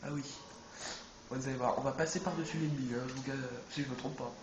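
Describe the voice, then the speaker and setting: Fighting a head cold, a let's play gamer talks fast in a mid-range voice with fairly even intonation. He rambles casually about his game and keeps correcting himself, recorded in an echoey room with background noise.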